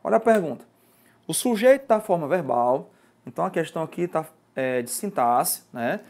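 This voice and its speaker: A man's voice: fairly high pitch, expressive, normal speed, vocal fry, darkish tone. A man with a Brazilian Portuguese accent teaching an exam-prep grammar lesson, explaining step by step and often checking in with the student.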